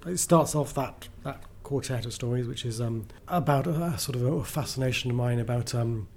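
Speaking as a writer being interviewed, a man with a mellow, dark voice of average pitch rambles casually and eagerly, cutting himself off now and then. His pace is moderate, and there's a slight hiss or hum on the recording.

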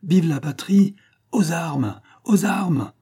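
A man's voice: medium pitch, fairly quick, mellow, slightly rough, natural voice. A man reading aloud, voicing an earnest young male revolutionary in a fervent, rousing way.

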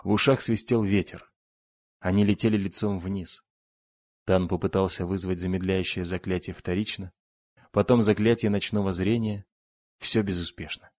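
A man narrating a fantasy audiobook in a steady, dramatic reading on a close studio mic. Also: low voice, moderate pace, dry recording. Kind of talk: scripted narration.

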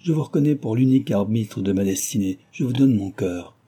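A man voicing a passionate young gentleman suitor, speaking in a fervent, imploring and formal way. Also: fairly low pitch, animated, a little fast, slightly rough. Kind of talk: audiobook character reading.

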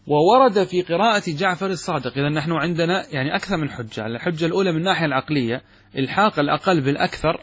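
Man teaching grammar, kinda husky and a bit high, reads a line then explains it, keeps asking the class questions, dry close sound. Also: dry recording. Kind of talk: lecture explaining a grammar text.

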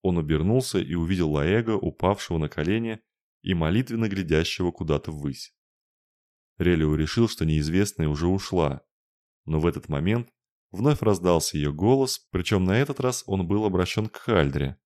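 Низкий мужской голос чтеца. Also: male voice, low-pitched, lively intonation, normal speed, darkish tone, no room sound, clean studio sound. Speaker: audiobook reader. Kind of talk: audiobook narration.

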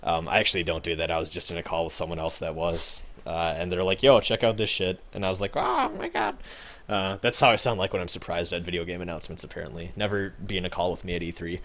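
A man's voice: deep voice, little pitch movement, fast talker, hardly any pauses, a bit bright. A young man co-hosting a gaming podcast, chatting casually in a rambling, laid-back way with frequent swearing and fillers. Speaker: podcast co-host.

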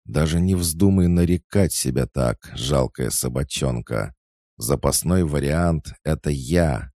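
A man's voice: extremely low pitch, slow pace, gravelly, darkish tone, dry recording, clean studio sound, full character voice. A man voicing a fierce, jealous young woman who growls and snaps at her friends. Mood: frantic. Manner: growling, snapping. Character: fiery jealous young woman, rapper girl.

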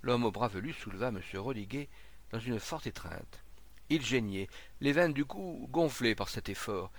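A man reading a literary short story aloud, expressive, with occasional hesitations. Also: mid-range voice, moderate pace. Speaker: reader.

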